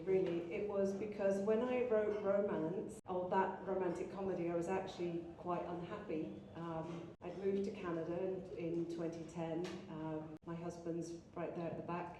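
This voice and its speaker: A middle-aged woman, a guest author, telling lively, self-mocking stories at a Q&A, laughing often. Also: fairly low pitch. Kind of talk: anecdotal Q&A storytelling. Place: event hall, indoors. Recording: roomy hall from far off, faint noise.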